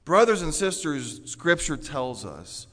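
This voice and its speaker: This pastor, an American man from Orlando, Florida, preaches his sermon in a fairly high, sing-song voice at a slightly slow pace. The reverberant large hall carries his earnest, emphatic delivery as it swings from forceful declarations into quieter storytelling.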